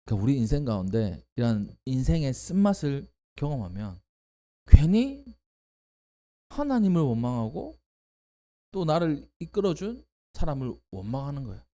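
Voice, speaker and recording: A male pastor delivering a sermon in an expressive, emphatic way, often rising into exclamations. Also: mid-range voice, moderate pace.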